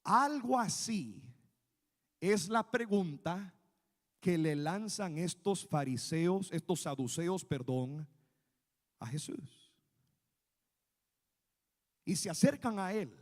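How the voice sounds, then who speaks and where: High-voiced preaching man in a reverberant church. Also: takes it slowly, long pauses. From Guatemala. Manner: animated preaching, addresses listeners as brother. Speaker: pastor. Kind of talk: sermon. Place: church sanctuary.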